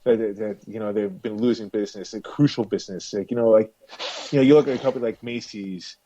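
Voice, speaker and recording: A man's voice: on the low side, fairly even intonation, quick pace, warm tone, a little hiss or hum. A man hosting a casual podcast discussion, talking in a rambling way with many restarts. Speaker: podcast host. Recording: dull dry lo-fi audio.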